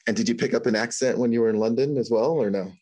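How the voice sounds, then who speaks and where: A man hosting a podcast interview, asking questions in a relaxed, encouraging way. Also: medium pitch, fast. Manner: relaxed, encouraging, many fillers. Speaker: podcast host.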